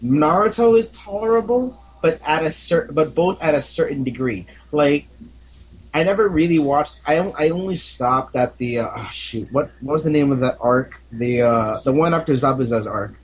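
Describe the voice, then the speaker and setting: A man co-hosting a casual podcast, talking haltingly and searching for words. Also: mid-range voice, poor audio. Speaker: podcast co-host. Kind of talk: casual chat.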